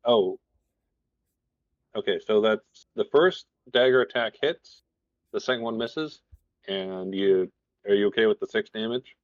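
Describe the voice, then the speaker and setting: A man's voice: on the low side, a little slow, long pauses, no echo. A man casually narrating and explaining a tabletop game as game master, in a conversational way. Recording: dull lo-fi voice recording.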